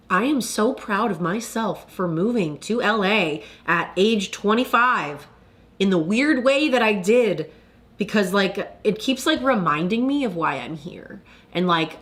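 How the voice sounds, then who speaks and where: A woman's voice: mid-range voice, fairly bright tone. Young female streamer, chatty and confessional, talks to her live chat. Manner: chatty, confessional, with frequent "like" and quick laughs; reads viewer comments aloud. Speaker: YouTuber hosting a live stream.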